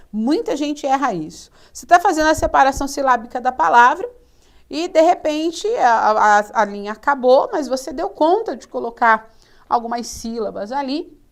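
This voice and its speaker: A woman teaching a writing lesson, animated and playfully mimicking students. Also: fairly high pitch. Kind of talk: video lesson on writing rules.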